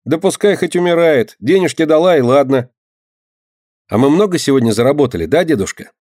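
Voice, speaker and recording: A man voicing a quick-tempered little girl in a storybook reading, shrill and indignant. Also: darkish tone, dry recording, clean studio sound, close to an everyday voice. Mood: cheeky.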